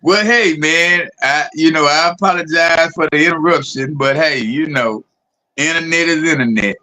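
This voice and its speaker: Easygoing guy on a video call podcast, bright voice, kinda high, says man a lot. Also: normal speed. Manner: laid-back, says "man" often. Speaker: podcast co-host. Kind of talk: casual live-stream chat.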